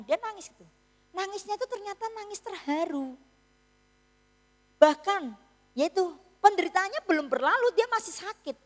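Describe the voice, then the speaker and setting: A woman's voice: very high-pitched, fairly bright tone, big-room sound. A woman preaching a sermon in a church, telling a story in a chatty, teasing way with frequent tag questions.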